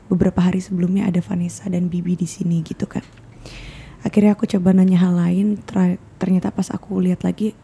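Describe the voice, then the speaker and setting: Low, gravelly, husky woman host. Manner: soft, often half-whispered, sympathetic questioning. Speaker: podcast host. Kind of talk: casual interview.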